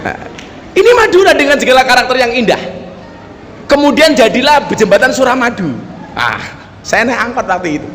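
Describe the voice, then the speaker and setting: A man's voice: very high-pitched, sing-song, a little fast, pauses often, a bit bright, long reverb tail, a little hiss or hum. A man preaching a humorous sermon at a public gathering, telling jokey stories and often turning to address the audience directly. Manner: joking storyteller, often turning to the audience with "Pak". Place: public gathering with local officials.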